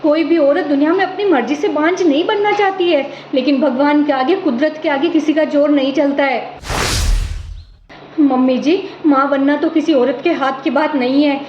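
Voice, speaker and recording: A woman's voice: sits high, fairly even intonation, moderate pace, a little hiss or hum, close to an everyday voice. A woman playing a young daughter-in-law who protests firmly and earnestly against being taunted, in an echoey room with slightly dull sound. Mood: indignant. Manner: firm, pleading protest.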